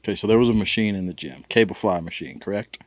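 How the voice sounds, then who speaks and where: A man's voice: lowish voice, expressive, fast talker, no echo. A man co-hosting a podcast, cross-examining a story with pointed questions. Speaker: podcast co-host. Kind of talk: casual chat.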